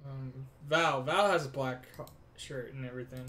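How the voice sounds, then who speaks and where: A man chats casually while streaming a game with friends. His voice sits at a middling pitch, and he talks in an easygoing way, thinking aloud with small hesitations. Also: moderate pace, sharp tone. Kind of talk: casual gaming chat.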